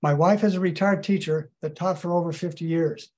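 An older man from Colorado reads a prepared public comment at a hearing. His voice sits fairly high, and his delivery is measured and earnest. He speaks over a video call. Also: fairly even intonation, a little mellow. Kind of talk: reading a prepared statement.

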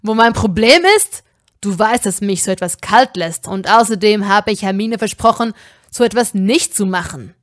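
A woman's voice: mid-range voice, animated, takes it slowly, hardly any pauses, dry recording, clean studio sound, pitched below the performer's own voice. A woman voicing an irritable young male wizard who hisses and snaps in a storybook reading. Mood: furious. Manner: growling, hissing, curt.

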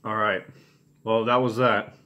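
A man's voice: fairly low pitch, little pitch movement, measured pace, pushed and bright, muffled recording. A man in his twenties chatting casually to camera in a laid-back, understated way, recorded at home. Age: 20s. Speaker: challenge video host. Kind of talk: casual vlog chat to camera. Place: small home room indoors.

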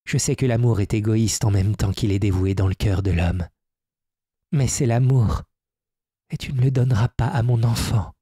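Male reader as an earnest, grieving man in a storybook, dark and husky, dry close sound. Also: on the low side, moderate pace, no echo. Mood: firm. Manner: earnest, sorrowful confiding. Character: grown man pleading with a fairy, sorrowful. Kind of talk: audiobook character reading.

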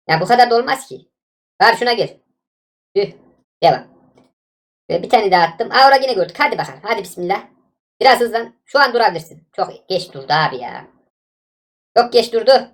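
A gaming YouTuber with a mid-range voice provides live gameplay commentary, excitable and exasperated as she shouts back at the game.

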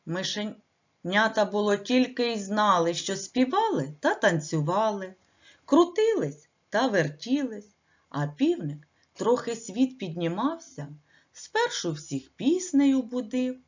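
A woman telling a fairy tale to small children as a teacher, asking them questions, on a dull lo-fi recording. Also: medium pitch. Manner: asks children questions, sing-song.

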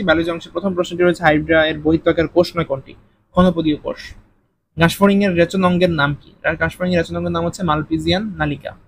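A Bangladeshi man tutors through an admission test, reading each question and giving its answer briskly, dragging out difficult words. His voice sits a little high for a man. Faint noise hums behind the recording. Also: rough recording. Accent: Bangladeshi Bengali. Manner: brisk question-and-answer delivery, slows on hard terms. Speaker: exam tutor.

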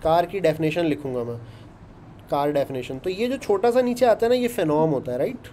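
A man's voice: a little high, lively intonation, a little fast, mellow, slight background noise. A man, teaching a casual coding lesson and chatting his way through each step. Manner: chatty, explains step by step with frequent "ṭhīk hai". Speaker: programming instructor.

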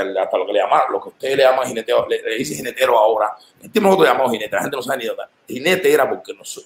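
A man with a Cuban accent talks quickly and with strong emphasis in a loose, casual conversation. His voice rises and falls sharply as he presses his points, and an echoey room surrounds him. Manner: animated and emphatic, with big swings in pitch.

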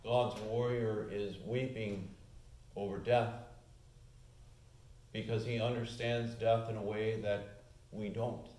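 A man in his forties preaches a sermon as pastor from the lectern of a church sanctuary, earnest and lifting his voice on key points. His voice is lowish, level, slow and a little mellow, with long pauses. A far-off camera captures him, and the church room sounds echoey.

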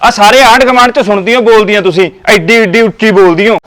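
An actor voices an exasperated husband in a village comedy drama who is stuck between his wife and his mother. He talks fast, and his voice is high for a man. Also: fairly even intonation, a bit bright. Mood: bickering. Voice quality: exasperated, bickering. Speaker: husband and son.

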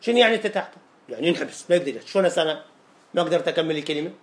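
A man with an Iraqi Arabic accent, a sheikh giving a classroom lecture on rhetoric. He explains by asking and answering his own questions and reads quoted lines slowly and deliberately. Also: a little high, lively intonation.

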